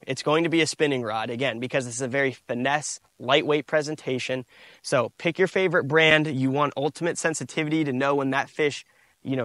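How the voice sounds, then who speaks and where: A man, giving a relaxed outdoor fishing tutorial from a boat on a lake, recorded on a lapel mic. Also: on the high side, dry recording. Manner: relaxed, repeats "again" and "you guys". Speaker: fishing instructor.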